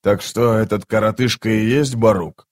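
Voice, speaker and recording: A man's voice: fairly low pitch, steady tone, moderate pace, natural voice. A man doing a terse, wary sergeant. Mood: questioning. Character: wary, weathered male army sergeant. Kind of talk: audiobook character voice.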